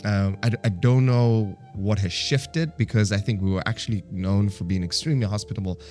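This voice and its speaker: With faint music in the background, a man speaks briskly in a fairly low, dark voice carrying an East African accent. As a talk-show guest he's reflective and talkative in casual conversation, slipping Swahili words into his English.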